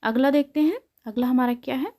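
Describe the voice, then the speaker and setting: A young woman with a fairly high voice teaches an exam-prep spelling lesson. She asks a question, answers it herself, and then stretches out each word slowly so it can be heard clearly. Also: warm tone.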